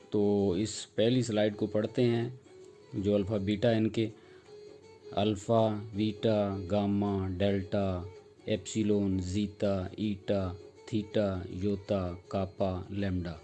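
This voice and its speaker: Very dark-voiced male language teacher. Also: on the low side. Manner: patient, explains step by step with examples. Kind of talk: slide-based language lesson.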